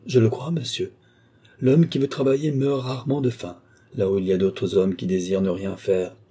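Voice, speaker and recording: A man's voice: lowish voice, flat delivery, moderate pace, dark tone, husky. A man voicing a proud, stoic young commoner who answers with defiance in an audiobook reading. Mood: defiant.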